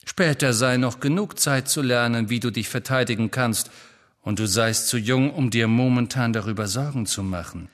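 A man doing a low-voiced rebellious wizard. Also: normal speed, long reverb tail, close to an everyday voice. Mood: earnest.

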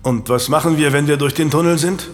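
A man's voice: on the high side, a little fast, faint music behind, voice pushed up, close to an everyday voice. A man voicing a cheeky, bold young male squire in an audiobook, in a matter-of-fact way.

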